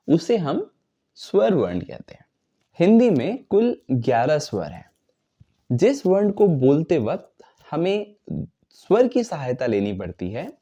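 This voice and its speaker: Man, slow teaching pace, lively pitch, mellow tone, dull lo-fi sound. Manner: explains slowly, repeats terms, recites letters one by one. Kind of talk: grammar lesson.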